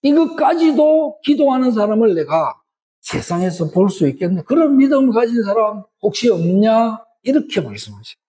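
A male pastor preaches a sermon, his voice pitched high for a man and mellow in tone. He builds emphasis as he speaks and keeps asking the congregation rhetorical tag questions. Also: sing-song, normal speed, rough recording.

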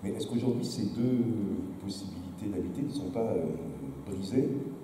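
A man's voice: fairly low pitch, moderate pace, warm tone, a little hiss or hum. An older man moderating a stage conversation, asking long, carefully built questions in a tentative way. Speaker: interviewer, moderator. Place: large theater stage before an audience. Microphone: handheld mic. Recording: roomy hall sound from a distance.

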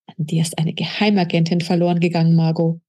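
A woman reading the lines of a calm, fatherly male official who speaks kindly and gently admonishes, in a husky voice. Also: on the low side, fast, natural voice.

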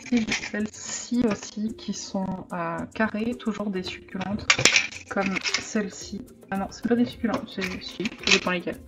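A woman thinking aloud as she makes a card, with frequent hesitations and the odd hushed aside. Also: medium pitch, very noisy. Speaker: crafting vlogger. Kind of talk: casual crafting tutorial. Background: background music.

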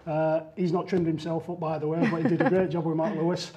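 A man's voice: a little high, level tone, quick pace, dark tone, dull audio. A man who sits on a rugby club's board, telling a casual anecdote on a TV show and laughing mid-sentence. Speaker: show regular, rugby club trustee.

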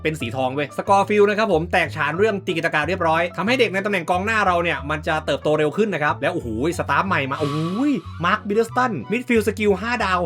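Brief: bright, high-voiced man, excitable gameplay commentator who swears, faint music underneath. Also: fast talker, hardly any pauses. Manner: excitable, swears, talks to viewers. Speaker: gaming YouTuber.

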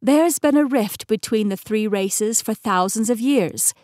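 A woman voicing a poised immortal woman keeper who explains things in a measured way, in an audiobook reading. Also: on the high side, a little mellow, no room sound, clean studio sound, close to an everyday voice.

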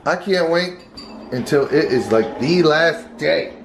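A man's voice: fairly high pitch, animated, slow pace, creaky, noisy background. A middle-aged man, a father, talking casually and crudely in a family vlog, scolding and swearing a lot.

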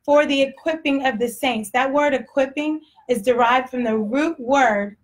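Woman preacher, Texas accent, blunt and chatty, fairly high voice. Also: moderate pace. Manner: blunt, conversational preaching with laughs. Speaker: pastor. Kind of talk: sermon.

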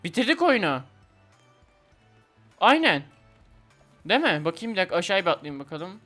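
A young man commentating a platform game for viewers, excitable and chatty, often talking to the game itself. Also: high-pitched, fairly quick, soft background music. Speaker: gaming video host. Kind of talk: excited let's-play commentary.

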